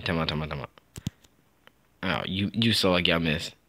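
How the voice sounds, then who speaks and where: A young man giving casual, excitable gameplay commentary, trash-talking and laughing as he plays. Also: low-pitched, moderate pace. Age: young adult. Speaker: gaming YouTuber.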